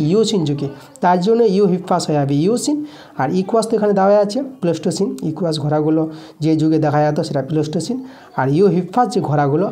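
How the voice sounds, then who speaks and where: Low mellow woman teacher doing exam prep, repeats terms, quizzes herself out loud. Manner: repeats key terms and answers her own questions. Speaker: school science teacher.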